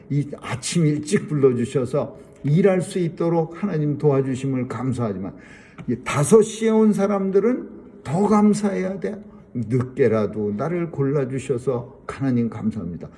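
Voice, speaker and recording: A man's voice: on the high side, warm tone. A middle-aged man preaching a Sunday sermon, emphatic and repeating his key phrases. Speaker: pastor.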